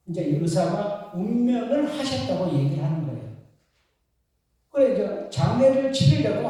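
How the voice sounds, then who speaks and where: A male pastor preaches in a fairly high, mellow voice, turning to his listeners as he tells stories. He speaks slowly. The sound rings through a large echoey church hall, picked up from some distance. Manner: storytelling, addresses the congregation. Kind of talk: sermon.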